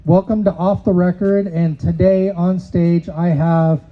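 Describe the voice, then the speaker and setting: A man's voice: high voice, flat delivery, unhurried, lo-fi sound. A man hosting a casual music interview show, chatting with his guests. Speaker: show host.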